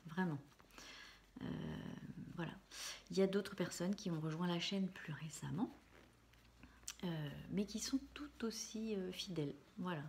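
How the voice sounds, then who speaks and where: Whispering woman, low and noisy recording. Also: a little mellow. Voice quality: breathy whisper, mostly unvoiced. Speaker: ASMR channel host. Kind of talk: soft whispered casual vlog. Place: small room at home, indoors. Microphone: camera close in front, no external microphone. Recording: faint hiss and clicks, no studio microphone.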